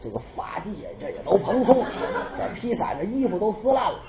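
Woman storyteller, Beijing accent, animated traditional narration, lively pitch. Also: a little fast, roomy sound, over a noisy crowd.

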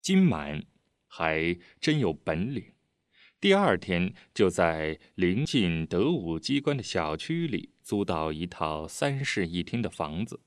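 Deep-voiced man reading a novel. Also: slow pace, clean tone, dry recording, studio quality. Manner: steady storytelling. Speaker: narrator.

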